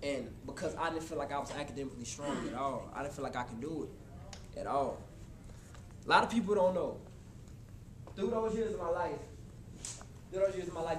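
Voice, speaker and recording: A man in his twenties giving a motivational talk to a live college audience, casual and animated, speaking straight to the crowd. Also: fairly high pitch. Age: 20s. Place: college hall before an audience. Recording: echoey hall with room noise.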